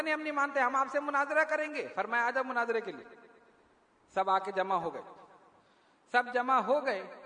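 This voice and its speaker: A man preaching a sermon, telling stories and acting out the dialogue in an animated way. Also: very high voice. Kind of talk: sermon storytelling. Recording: echoey hall with long reverb.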